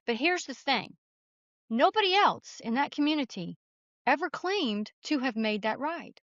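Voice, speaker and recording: A guest author, a woman with a slightly high and somewhat bright voice, tells stories in a conversational interview, emphatic, folksy and plain-spoken. The recording is dry and a bit muffled.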